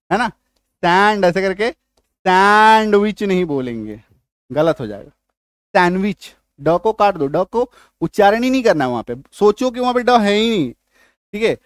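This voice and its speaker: A man giving an English pronunciation lesson in a fairly high voice. He spells words out slowly letter by letter and keeps asking his class questions. The recording is dry and close, with no room sound. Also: no echo. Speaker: English teacher.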